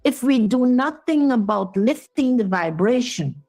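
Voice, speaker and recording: Speaking at a measured pace, this woman's mellow, fairly high voice carries lively intonation. She is in her sixties, from Guyana, and appears as an interview guest and minister, explaining her story earnestly and checking in with whoever is listening. The recording is dry and low in quality.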